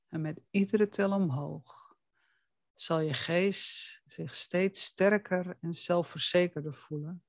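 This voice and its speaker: A hypnosis guide speaks very slowly and soothingly, as if right in your ear. The sound is dry and close to the microphone. Each instruction is placed deliberately, in an intimate relaxation style at a middle pitch. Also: dry recording.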